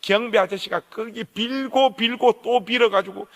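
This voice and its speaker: A man's voice: sits high, moderate pace. A male pastor telling a personal story in a revival sermon, emotional and vivid, with acted-out quotes. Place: church sanctuary. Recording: long hall reverb.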